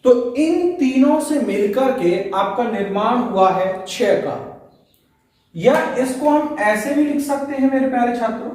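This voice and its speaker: A man's voice: very high voice, a little mellow. A man teaching a Hindi grammar lesson in an earnest, repetitive lecture style, often addressing his dear students. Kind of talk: classroom lecture. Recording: very echoey room, voice far from mic.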